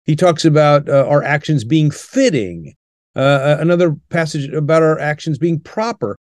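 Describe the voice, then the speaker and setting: An older man gives interview answers in an earnest, measured teaching tone, pausing often with "uh." His voice is fairly high in pitch, and the close recording is dry with no room sound.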